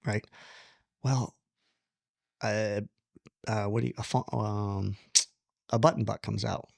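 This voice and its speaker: A man telling a long personal story in casual conversation, animated, blunt and self-deprecating, with the odd curse word. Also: on the low side, takes it slowly, gravelly, no echo, studio quality. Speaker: podcast guest.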